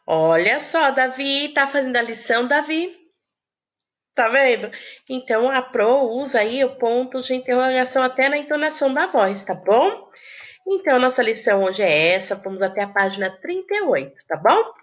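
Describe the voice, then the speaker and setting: A woman teaching a recorded lesson to young children, explaining slowly and posing questions she answers herself, with affectionate terms of address. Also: high voice, animated, dull audio. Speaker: primary school teacher.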